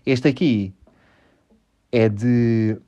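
Faint music plays behind a podcast host with a European Portuguese accent, whose medium-pitched voice is steady, mellow and very slow. Rambling and self-mocking, he keeps the casual show going and swears frequently.

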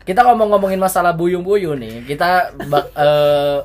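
A man's voice: high voice, moderate pace. Male podcast host, playful and laughs a lot; leads the chat. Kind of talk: casual chat. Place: air-conditioned room.

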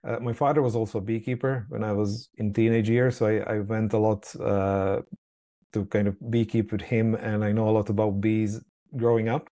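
Interviewed as a guest, this skincare company founder from Croatia has a fairly low, warm voice with a level tone and normal speed. His casual speech is hesitant, full of repeated words and fillers.

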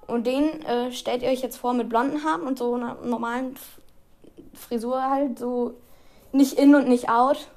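A teenage girl talks casually into her podcast mic while pacing around, full of fillers and little restarts. Her voice sits a little high yet sounds soft and dark. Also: steady tone, normal speed. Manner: chatty, rambling, with many fillers and laughs; walks around while recording. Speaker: podcast host. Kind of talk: casual chat.

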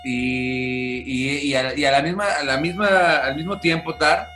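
A man's voice: medium pitch, steady tone, unhurried, bright, forceful tone, soft background music. A man co-hosting a podcast, discussing a director's films in a reflective, hesitant way with restarts. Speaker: podcast co-host. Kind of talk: casual film discussion.

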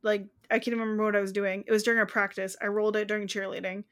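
Bright, chatty young woman podcaster. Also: mid-range voice, level tone, very fast. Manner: chatty, self-mocking, laughs often. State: on crutches. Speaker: podcast co-host. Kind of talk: casual chat.

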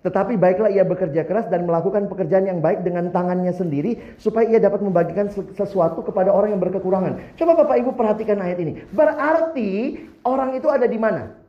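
A man preaching a sermon, humorous and animated, putting questions to the congregation. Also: sits high, quick pace. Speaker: pastor. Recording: roomy, slightly dull, faint background noise.

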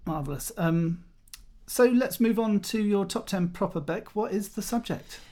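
A podcast host asking quick, wry questions in a casual interview. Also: mid-range voice, mellow.

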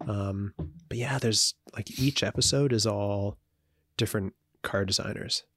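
This podcast co-host speaks a little slowly in a fairly low, husky voice with a fairly bright tone. His casual talk wanders, padded with ums and restarted sentences. Recorded dry and up close, there's no echo in the room.

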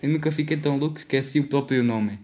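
A man's voice: medium pitch, fast talker, a little mellow. A young man with a European Portuguese accent in casual banter with friends, reading out party questions and swearing in slang. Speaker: podcast co-host reading out game questions.

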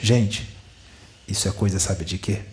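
Low, steady and darkish in tone, this man's voice moves a little slowly against slight background noise. He is a Brazilian spiritual medium with a Rio de Janeiro accent, emphatically preaching a channeled teaching packed with rhetorical questions.

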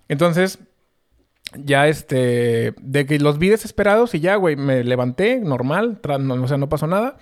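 A man's voice: on the high side, a little mellow. A young man with a Mexican Spanish accent, telling a long story in casual, slangy chat full of fillers. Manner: slangy, rambling, many fillers.

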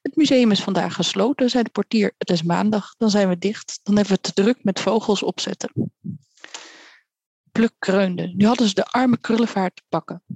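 A woman reading a children's story aloud as a storyteller, with lively voices for the characters. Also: mid-range voice, brisk, slightly rough, no echo, dull audio.

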